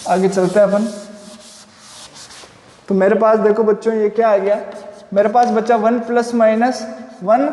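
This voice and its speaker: Male physics teacher, in an echoey room, slowly spelling out formulas. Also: high voice, a little mellow. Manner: asks and answers his own questions. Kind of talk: classroom lecture. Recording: echoey room with long reverb.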